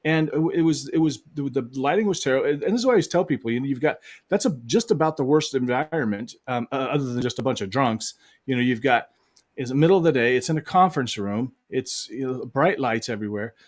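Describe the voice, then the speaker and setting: A man's voice: mid-range voice, expressive, quick pace. A man co-hosting a live online hypnosis show, chatting casually with lots of restarts and fillers over a video call. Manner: rambling, many restarts and fillers. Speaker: hypnotist co-host. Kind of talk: casual live-stream chat.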